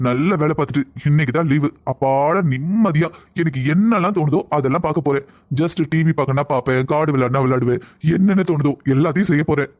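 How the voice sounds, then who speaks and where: Brief: man playing a breezy cartoon husband, southern Tamil accent, brisk, slightly high. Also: lightly acted. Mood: relaxed. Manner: offhand, dismissive. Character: careless easygoing young husband. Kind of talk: cartoon voice acting.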